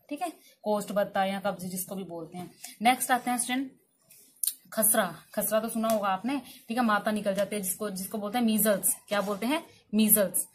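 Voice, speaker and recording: A woman teaching a vocabulary class, her voice at a middle pitch. She asks each word aloud and answers it herself in a steady drill. Faint noise sits under the recording. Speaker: English teacher. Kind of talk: spoken vocabulary lesson in Hindi and English.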